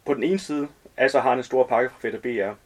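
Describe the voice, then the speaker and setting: Male author, calm even reading of his own novel. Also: medium pitch.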